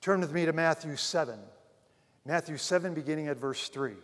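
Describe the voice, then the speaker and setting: A pastor delivers a sermon in a high voice at normal speed, ringing through a large hall with long reverb. He calls the congregation dear friends and swings dramatically between loud, ringing emphasis and near-hushed asides.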